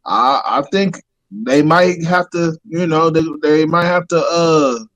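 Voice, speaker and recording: A man co-hosting a sports podcast, talking in a slangy, animated way full of "like" and "bro". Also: fairly high pitch, takes it slowly, muffled recording. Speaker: podcast co-host. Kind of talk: casual sports talk.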